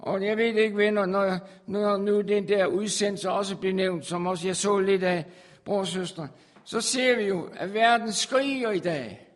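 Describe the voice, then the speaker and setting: High-voiced man preaching an emphatic sermon. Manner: emphatic, repeats phrases, swings from soft to loud.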